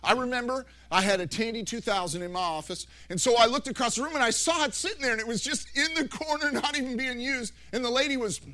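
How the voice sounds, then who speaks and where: A middle-aged man preaching a sermon through animated stories, with frequent restarts and self-corrections. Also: very high voice, fast talker, few pauses. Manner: rambling, animated storytelling with many restarts. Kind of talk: anecdotal sermon.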